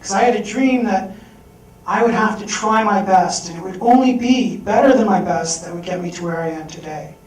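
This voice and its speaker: At a fundraiser, a young man's high voice moves at a moderate pace as he candidly tells a personal story, acting out quoted voices. It's captured from afar in an echoing event hall with an audience present.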